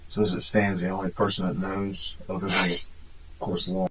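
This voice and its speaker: A man with a husky voice questions someone as a police interrogator, measured and probing. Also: low-pitched, level tone, noisy background. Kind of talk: investigative questioning.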